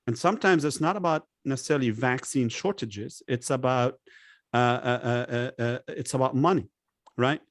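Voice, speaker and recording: A man from Lebanon talks as an interview guest, pressing his points with emphasis and rhetorical questions. His mid-pitched voice sounds dry and close, with no room behind it. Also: no echo. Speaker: guest expert on public health. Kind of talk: conversational interview.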